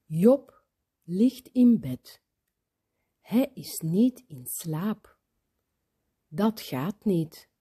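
Woman storyteller for kids, very slow read-aloud, lively up-and-down delivery, dips into whispers. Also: fairly low pitch, breathy edge. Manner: very slow, expressive, drops to whispers.

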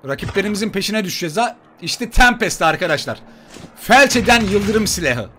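A man commenting on his mobile shooter gameplay for viewers, excitable and joking, trash-talking enemies. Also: high-pitched, brisk. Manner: excitable, swears playfully, talks to viewers and enemies. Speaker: gaming YouTuber. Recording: gunfire and game noise behind.

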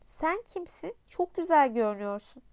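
A woman voicing a small, gentle boy prince who is curious and lonely, in polite, wondering tones. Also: high voice, animated, normal speed, no room sound, voice pushed up. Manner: polite, wondering, soft-spoken. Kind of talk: audiobook character voice.

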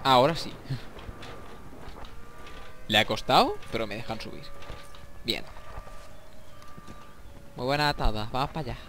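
A young man with a Spain Spanish accent giving excitable, swear-filled commentary over a shooter game and taunting the enemies. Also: mid-range voice, measured pace, long pauses, a little hiss or hum. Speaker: gameplay commentator. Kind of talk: let's play commentary. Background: faint game music and gunfire.

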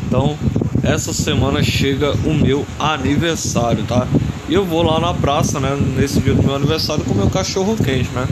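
An eighteen-year-old man with a Brazilian accent, casually commenting over a mobile football game, repeating himself and tagging phrases with questions. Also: heavy background noise. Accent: Brazilian Portuguese. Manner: repetitive, chatty, tag questions after every phrase; bursts into high excited shouting at plays. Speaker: gaming channel host.

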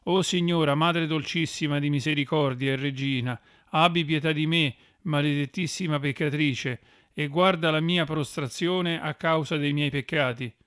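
A man's voice: on the high side, steady tone, normal speed, a bit bright, smooth, no room sound, studio quality, natural voice. A man voicing a despairing old sinful woman who laments and pleads, read as an audiobook. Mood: humble pleading. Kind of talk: audiobook reading.

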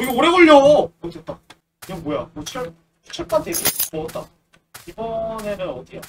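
A man with a high voice streams himself playing a horror game, joking around and teasing the characters as he goes. Every scare makes him jump, yelp, or shout. Background noise comes through clearly from his far-off mic.

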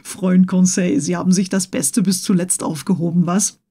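A blunt, gruff harpooner grumbles and drags out his scornful remarks, as a woman reading a storybook puts him on. The tone stays mellow and soft. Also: fairly low pitch, steady tone, normal speed. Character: blunt gruff Canadian harpooner, food-minded.

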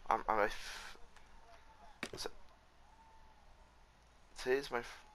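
A man's voice: mid-range voice, takes it slowly, fairly bright tone, slight background noise. A man giving casual, frustrated commentary while rebuilding a game map, swearing often and correcting himself as he goes. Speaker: Minecraft YouTuber.

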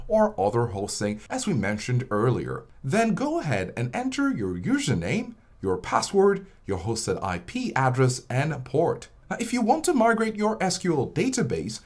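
This is a scripted tutorial narrator who walks through software steps one after another in an even instructional manner. The pitch is lively and swings widely across phrases. It is a voice-over laid over screen footage. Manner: steady step-by-step instructional delivery.

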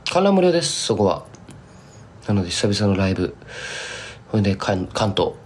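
On his live stream, this young Kumamoto singer-songwriter rambles to fans in heavy local dialect. His pitch sits fairly low, and he sounds very animated at a moderate pace, a little mellow. A faint hiss or hum is audible.

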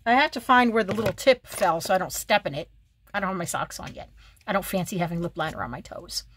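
A woman's voice: on the low side, fast, a bit bright, slight background noise. A woman chatting casually through her makeup routine at home, full of wry remarks and muttered asides to herself. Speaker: beauty vlogger. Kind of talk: casual get-ready-with-me chat. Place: at home, seated while doing makeup.

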